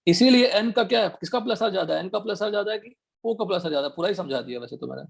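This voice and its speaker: Raspy high-voiced male teacher quizzing. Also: expressive. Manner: quizzing students with rapid questions. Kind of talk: online chemistry class, Hindi mixed with English.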